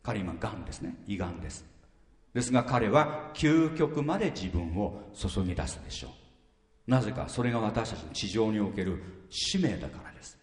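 A man's voice: fairly low pitch, moderate pace. Man in his fifties, pastor, sermon, rhetorical questions, roomy reverberant church hall. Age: 50s. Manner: animated, rhetorical questions, repeats phrases.

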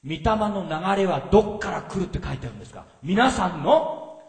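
A man preaching a sermon as pastor, animated and often asking the congregation questions. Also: high voice, fast, creaky. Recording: roomy hall reverb, from a distance.

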